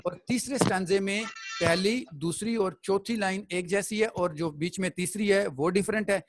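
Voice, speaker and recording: High-voiced man teaching a poetry lesson. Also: normal speed, soft background music, low-quality recording. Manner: explains step by step, often checks students follow.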